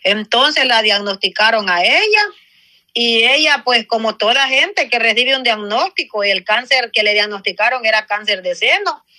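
Woman, bright voice, fairly high pitch, earnest church testimony, storytelling. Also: animated, normal speed. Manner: earnest storytelling with quoted dialogue. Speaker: church member giving testimony. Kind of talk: personal testimony.

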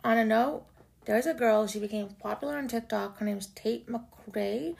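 A young woman from Canada chats on her own podcast at home in Toronto, swearing freely and leaning on "like" and "y'all." She talks at a normal speed, and her voice is low, raspy, and a little mellow, with heavy vocal fry and a pitch slightly raised for a woman.

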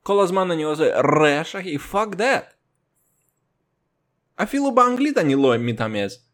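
Animated man with a Russian accent in Hebrew. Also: on the high side. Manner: crude slangy joking, swears and drops in English. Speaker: solo host. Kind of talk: casual comedic rambling monologue.

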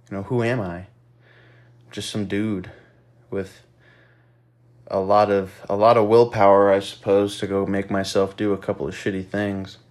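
Lowish-voiced young man with stuffy nose. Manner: rambling and reflective, with many fillers and casual swearing. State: slightly out of breath. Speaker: podcast host. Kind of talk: casual solo podcast monologue.

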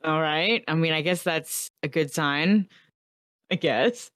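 A woman's voice: low voice, takes it slowly, a bit bright, no echo, studio quality. A woman chatting casually as a player in a tabletop game, informal and wry.

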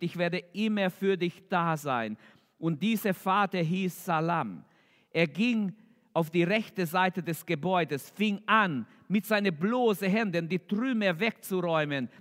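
A man preaching a sermon slowly and emphatically, his voice rising with fervor toward the appeal. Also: high voice, a bit bright. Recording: echoey hall with long reverb.

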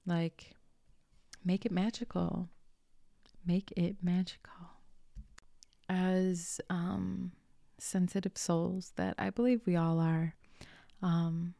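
A young adult woman hosting a podcast, talking casually and earnestly about simple joys, sometimes dropping into a soft whisper and swearing lightly. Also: on the low side, steady tone, slow pace, creaky, no echo, clean studio sound. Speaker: podcast host, spiritual coach. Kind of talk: casual motivational monologue.

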